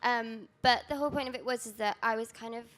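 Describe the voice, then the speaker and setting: Speaking quickly in a fairly high, fairly bright voice with fairly even intonation, this magazine founder from Wales talks about her publication on a panel. She's a native Welsh speaker in her twenties, and her delivery is casual and rambling, full of ums and restarts.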